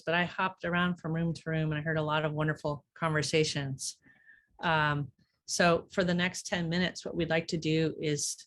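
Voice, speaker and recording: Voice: medium pitch, fairly bright tone. A facilitator on a video call, casually guiding a community meeting into group report-backs. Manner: casual, with fillers. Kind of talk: running an online community meeting.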